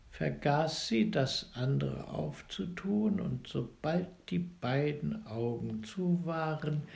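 A man reading a fairy tale aloud in an expressive, dramatic way, dropping to a hush at times. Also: fairly high pitch, vocal fry. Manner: expressive, dramatic storytelling with hushed passages. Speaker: storyteller.

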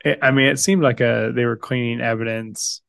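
A man's voice: mid-range voice, fairly even intonation, fairly quick, gravelly, fairly bright tone, dry recording. A man chatting and bantering casually as a podcast co-host.

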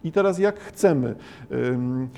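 Slow, gravelly-voiced man lecturing. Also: fairly high pitch, dark tone. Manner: slow and reflective, with many hesitations. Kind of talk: lecture on Japanese poetry.

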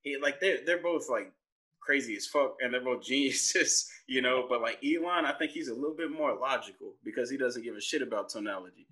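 A relaxed, slangy man talks with a friend in a bright, forward voice. He keeps checking in with his listener as he explains his ideas, his pitch sitting in a middle range. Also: a little fast. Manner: slangy and relaxed, says "bro" and "you know what I'm saying". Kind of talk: casual chat.

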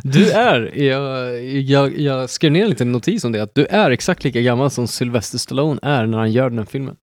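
A man's voice: mid-range voice, no room sound. A man in his thirties hosting a film podcast, joking and rambling with lots of fillers and restarts. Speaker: podcast host. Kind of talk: casual film podcast chat.

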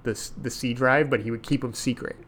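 A man's voice: medium pitch, steady tone, fast talker, fairly bright tone. A man co-hosting a casual gaming podcast, telling nostalgic stories about old games. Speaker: podcast co-host. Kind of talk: casual chat.

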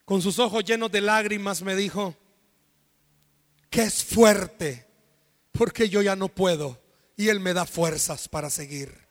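Very high-voiced preacher man in echoing hall. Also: a little slow, long pauses. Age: adult, married. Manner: impassioned preaching with shouted appeals. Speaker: pastor. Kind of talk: sermon. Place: church service.

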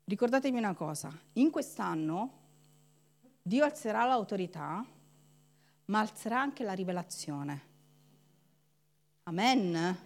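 A woman's voice: mid-range voice, measured pace, long pauses. A woman pastor preaching a sermon, acting out the people in her story and laughing as she goes. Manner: animated, acts out quoted voices with laughter.

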